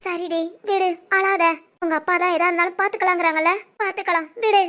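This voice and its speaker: A woman voicing a worried, scolding middle-aged village mother in an animated family drama, with a Tirunelveli Tamil accent. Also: very high-pitched, a little fast. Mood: soothing. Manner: bitter, scolding.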